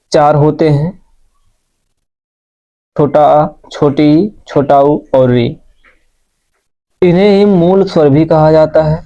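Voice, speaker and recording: Male grammar teacher, slow and deliberate, mellow tone, dull lo-fi recording. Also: a little high. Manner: slow, deliberate, repeats points for students. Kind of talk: classroom lesson. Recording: dull lo-fi sound.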